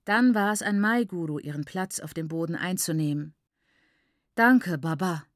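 A woman's voice: on the low side, fairly quick, no room sound. Woman narrating an audiobook, dry sound. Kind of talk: scripted first-person narration. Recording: dry close studio recording.

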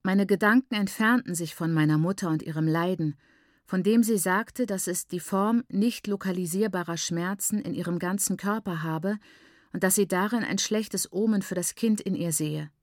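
A woman reading a first-person novel aloud in a measured, clear storytelling manner. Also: lowish voice, dry recording, studio quality. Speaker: audiobook reader. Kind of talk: scripted first-person narration.

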